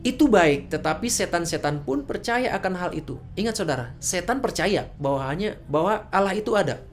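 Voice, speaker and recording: A woman's voice: fairly low pitch, expressive, a little fast, slight background noise. A woman preaching a sermon in a church service, casual and conversational, often asking rhetorical questions.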